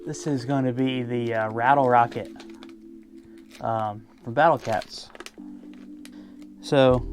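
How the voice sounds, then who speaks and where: A man talking casually to viewers from his boat, explaining step by step how he ties a fishing rig, with plenty of ums and restarts. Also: mid-range voice. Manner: chatty, lots of ums and restarts, addresses viewers as guys. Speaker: fishing vlogger. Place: on a boat on a river. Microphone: first-person camera.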